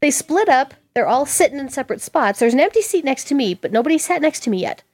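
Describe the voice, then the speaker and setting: A woman's voice: sits high, sing-song, fast talker, darkish tone, dry recording. A woman telling a story at length, acting out other people's lines in a raised voice. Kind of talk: animated storytelling.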